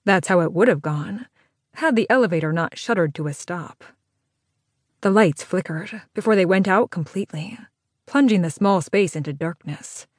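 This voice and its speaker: A woman narrating a romance audiobook with smooth, even storytelling. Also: on the low side, moderate pace, no room sound, studio quality.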